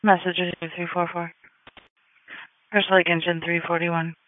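A man's voice: sits high, little pitch movement, moderate pace. A man working as an emergency dispatcher, giving clipped, procedural acknowledgements over a dull radio channel.

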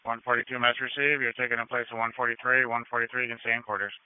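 A man's voice: medium pitch, completely flat delivery, very fast, clean tone, no room sound. A man dispatching fire units in terse, procedural radio phrases. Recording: thin, phone-like radio channel.

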